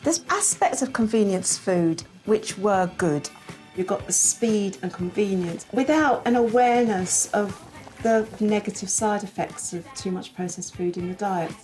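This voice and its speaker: A woman's voice: medium pitch, a little slow, darkish tone, faint music behind. A woman, a mother, giving thoughtful and earnest interview answers. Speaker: mother in a family food experiment.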